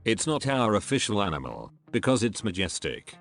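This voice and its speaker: A man with a fairly low voice reads forum comments one after another as scripted narration. His pitch moves a lot, giving each line a lively contour, and he never pauses for fillers. Faint music plays quietly behind him. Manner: reads each post straight through, no fillers. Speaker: narrator reading online forum posts.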